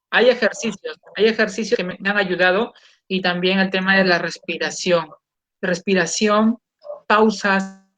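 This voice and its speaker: A man's voice: high voice, sharp tone, highs cut off. Man hosting an interview. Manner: explanatory, demonstrates speech drills aloud. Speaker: host and coach. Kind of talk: casual online interview.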